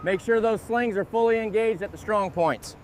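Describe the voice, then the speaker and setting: A man's voice: high voice, normal speed, a little hiss or hum, low-quality recording. A man working as a crew supervisor, giving short instructions in work-site callouts.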